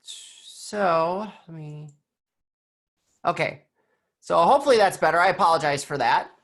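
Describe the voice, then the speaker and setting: A woman's voice: lowish voice, unhurried. A woman giving an online security presentation through a computer mic that keeps cutting out, so her volume rises and drops unevenly. She explains her points with rhetorical questions and frequent restarts. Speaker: security speaker.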